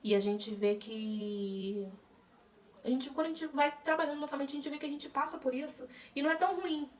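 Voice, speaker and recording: A woman's voice: high voice, a little fast, darkish tone. Candid Brazilian woman, slightly distant mic. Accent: Brazilian Portuguese. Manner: chatty, candid, many fillers and restarts. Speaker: vlogger sharing her cancer treatment. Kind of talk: emotional personal vlog. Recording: voice a bit distant from the mic, faint noise.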